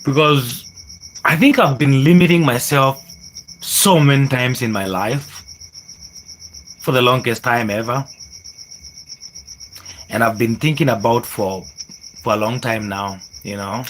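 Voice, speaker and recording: Kenyan male livestream host, chatty and unhurried, faint background hiss. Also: mid-range voice, a bit bright. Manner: chatty, upbeat, laughing often, drawn-out emphasis. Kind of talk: casual livestream talk reading chats.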